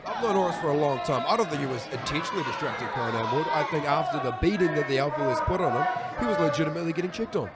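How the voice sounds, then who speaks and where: A man's voice: fairly high pitch, animated, racing, few pauses. A man giving colour commentary on a wrestling match, adding his reactions and analysis to the action. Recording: loud crowd noise behind. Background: wrestling event crowd.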